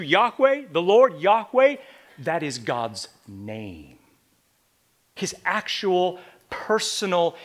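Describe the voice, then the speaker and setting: A man preaching a sermon as pastor, swinging between quiet, intense passages and loud emphatic ones, often asking the congregation rhetorical questions. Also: high-pitched.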